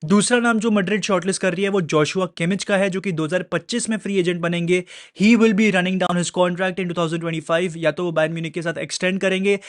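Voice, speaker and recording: A man's voice: high voice, steady tone, a little fast. A man giving casual football commentary, chatty and talking straight to his viewers. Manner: chatty, mixes Hindi and English mid-sentence; addresses viewers directly, conversational asides. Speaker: football pundit.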